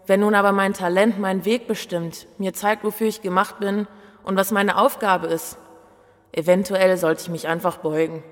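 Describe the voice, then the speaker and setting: A woman reading a first-person story aloud in a reflective, brooding way. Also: mid-range voice.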